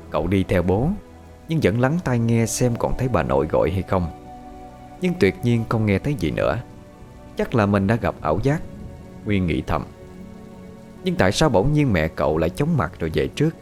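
A man narrating a scripted horror story in a dramatic, expressive way. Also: fairly low pitch. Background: faint music.

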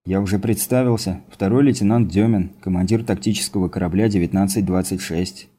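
A man's voice: sits low, a little fast, mellow, breathy edge. Man doing an eager young lieutenant. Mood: earnest.

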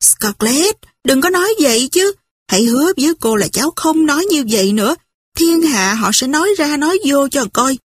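A woman's voice: sits high, lively intonation, no room sound, studio quality, voice pushed up. A woman voicing a fussy, timid, tearful middle-aged aunt who frets and scolds in a rush. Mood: flustered scolding. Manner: flustered, fretting, fast.

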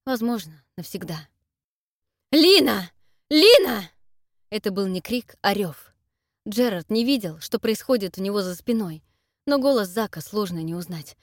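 A woman reading a fantasy audiobook in measured scripted narration. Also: mid-range voice, expressive, a little mellow, dry recording, clean studio sound.

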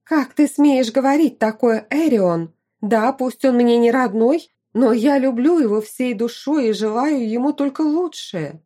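A woman voicing a haughty, scheming duchess who talks in a shrill, indignant way in an audiobook. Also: expressive, unhurried, few pauses, mellow. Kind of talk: audiobook character reading.

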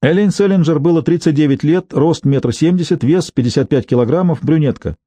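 A man's voice: fairly high pitch, fairly quick, dark tone, dry recording, voice pushed up, lightly acted. A man voicing a businesslike male detective calling in an audiobook, matter-of-fact and briefing.

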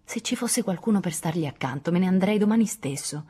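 A woman voicing a restless, excitable teenage boy who resents his duties in a storybook reading. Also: deep voice, brisk, breathy edge, heavily acted. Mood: rebellious. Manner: excitable, rebellious.

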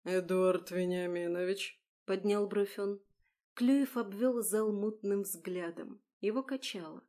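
A woman's voice: mid-range voice, a little slow, warm tone. Woman narrating a dramatic story. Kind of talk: first-person scripted story narration.

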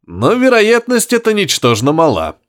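A careful middle-aged scholar thinks aloud in an audiobook, as a male reader puts him on. He is measured and reasoning. The intonation swings widely. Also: sits high, huge pitch swings, fairly bright tone, no room sound, studio quality, voice pushed up, heavily acted. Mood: thoughtful. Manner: measured, pondering.

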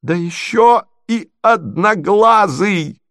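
A man's voice: high-pitched, steady tone, slow pace, a bit bright, smooth, no room sound, studio quality, pitched above the performer's own voice, full character voice. A man voicing a furious lady of the house who hisses out scornful insults.

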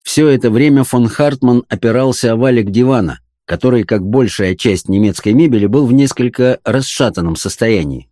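A man narrating an audiobook with expressive storytelling. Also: mid-range voice, moderate pace, hardly any pauses, no echo, studio quality.

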